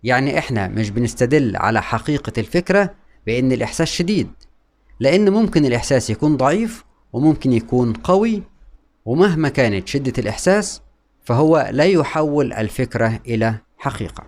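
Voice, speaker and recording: This mental health educator, a man with an Egyptian Arabic accent, addresses the camera calmly and briskly in a medium-pitched voice. His explanatory talk frequently repeats main points, and he raises questions only to answer them himself.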